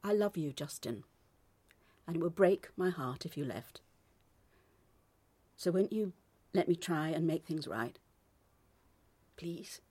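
Radio drama: a remorseful woman begging her partner's forgiveness, soft and halting. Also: lowish voice, animated. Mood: pleading. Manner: soft, hesitant and pleading, often dropping to a near whisper.

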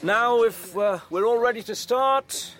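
A man's voice: extremely high pitch, unhurried, fairly bright tone. A man playing a welcoming clergyman at a village service in a naturalistic radio soap, with a formal manner.

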